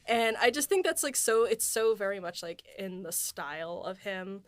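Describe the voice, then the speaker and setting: The host, a woman who also writes, chats casually through a behind-the-scenes podcast, loose and laughing lightly between many fillers. Her voice is mid-range at normal speed, with no room sound.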